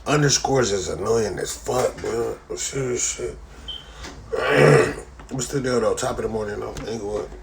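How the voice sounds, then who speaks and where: A man with a lowish, gravelly voice hosts a live stream, ranting casually with lots of profanity and ending his lines with a repeated slang tag while he reads chat comments. He sounds animated but speaks a little slowly, and the recording is very noisy.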